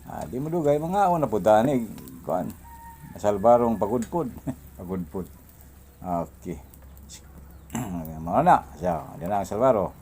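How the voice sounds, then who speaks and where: A man's voice: fairly low pitch, very animated, measured pace, long pauses, mellow, a little hiss or hum. A man giving a casual cooking demonstration in his kitchen, chatting and laughing as he films with a phone in one hand. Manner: chatty, laughs often, talks while working. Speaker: cooking vlogger. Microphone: phone camera held in one hand.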